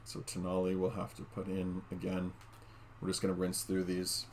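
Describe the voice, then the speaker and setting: A gaming YouTuber in his home room gives casual gameplay commentary in a low, monotone, slightly mellow voice at a moderate pace, with a little hiss or hum. He's chatty, speaks directly to viewers, calls them "guys," and uses many fillers.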